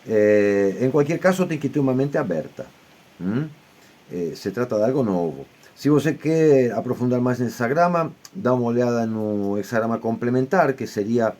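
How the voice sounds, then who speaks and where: A man lecturing at a steady, measured pace, explaining ideas step by step. He keeps checking in with the listener through short tag questions. His voice sits in an ordinary middle pitch. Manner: measured, often ends points with tag questions. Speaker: I Ching teacher.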